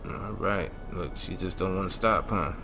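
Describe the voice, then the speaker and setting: This gaming channel host has a deep, creaky voice and speaks at an ordinary pace. Music sits under him as he walks through a video game mod tutorial in a relaxed, informal, slang-filled style.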